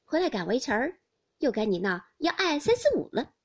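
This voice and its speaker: A woman voicing a sharp-tongued, touchy young noblewoman in an audiobook of a classic novel, speaking in a reproachful, sulky way. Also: high-pitched, huge pitch swings, a little fast, pitched above the performer's own voice, exaggerated voice. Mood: teasing. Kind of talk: audiobook character reading.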